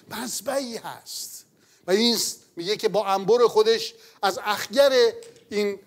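A man preaching a sermon in an earnest manner, rising to loud exclamations and then falling to near-whispers. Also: high-pitched. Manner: earnest, swells loud then drops to a hush.

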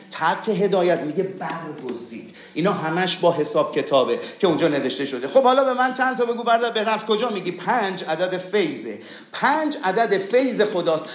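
A man's voice: sits high, reverberant. A man preaching a sermon, asking rhetorical questions and calling for amens. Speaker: pastor.

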